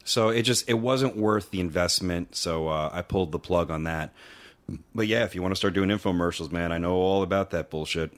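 A man's voice: low-pitched, a little fast. A man co-hosting a podcast, chatting in a laid-back way full of fillers. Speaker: podcast co-host. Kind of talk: casual podcast chat.

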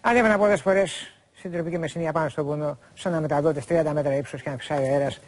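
A man's voice: on the high side, fairly even intonation. A man in his forties from Greece, a guest talking in a rambling, earnest way, repeating himself and quoting others at length. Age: 40s. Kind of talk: rambling confessional chat.

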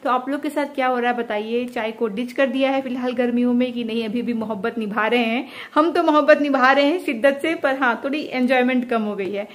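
A young woman vlogging at home, chatting very fast and easily. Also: fairly high pitch. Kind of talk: casual home vlog chat.

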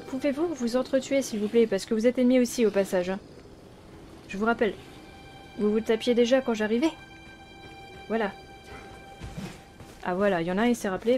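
A fairly high-voiced woman streams a game in casual let's play commentary. She chats nonstop, exclaims often and teases the characters on screen. Game music plays clearly behind her. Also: a little fast, long pauses, mellow. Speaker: gaming streamer.

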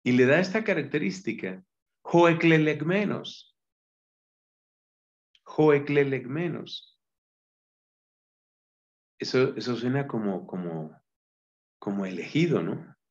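A man with a Colombian Spanish accent, a Dominican friar, teaching biblical Greek patiently and chanting verse lines slowly. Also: medium pitch, animated. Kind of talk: gentle Bible lesson with sung Greek verse. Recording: slightly dull, lo-fi recording.

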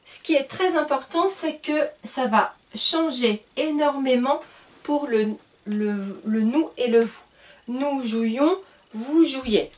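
A patient woman teacher explains grammar at a whiteboard, taking her time over every word. Her voice sits a little high and is heard from some distance, as if from a camera across the room. She spells endings out letter by letter and stops to correct herself. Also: slow pace. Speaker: French teacher. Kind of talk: slow whiteboard grammar lesson. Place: classroom at a whiteboard. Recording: voice a little far from the mic.

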